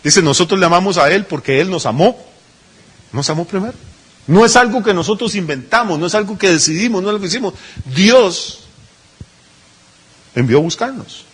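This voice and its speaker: A male pastor delivers a sermon, in a voice pitched a little high with a husky edge. He talks to the congregation as if chatting, asking rhetorical questions and briefly acting out the people in his examples. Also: animated, normal speed, long pauses, a bit bright. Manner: conversational preaching with rhetorical questions and acted-out asides.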